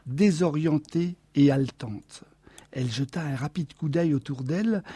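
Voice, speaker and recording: Guy reading a novel aloud, calm expressive storytelling, dark husky tone. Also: on the high side, dry recording. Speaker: narrator. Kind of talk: audiobook reading of literary fiction.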